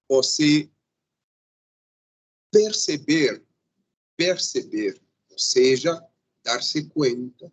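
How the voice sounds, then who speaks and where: Male teacher, unhurried, slightly husky; patient explainer who keeps checking in with the class. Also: on the high side, poor audio. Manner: patient, checks in often with a questioning "sim?". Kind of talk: grammar lesson.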